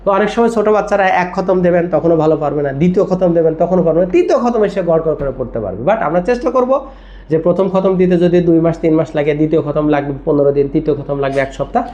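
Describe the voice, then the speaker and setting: Talking very fast in a dark, mid-range voice, a tajweed teacher spells Quranic words letter by letter and drills them, checking in with the listener frequently. The highs are cut off in the recording.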